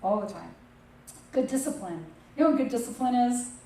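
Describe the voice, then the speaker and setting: A woman's voice: on the high side, animated, moderate pace, dark tone. A woman minister giving a sermon in a conversational way, often checking in with "okay" and "right.". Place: church sanctuary. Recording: distant echoey room mic.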